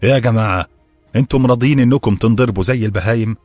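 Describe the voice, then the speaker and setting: A male narrator voices a defiant young servant who argues with firm, impassioned conviction in an Egyptian Arabic accent. His voice is low, slightly husky and a little mellow, with lively intonation and a quick pace. The recording is dry and close, with faint music in the background.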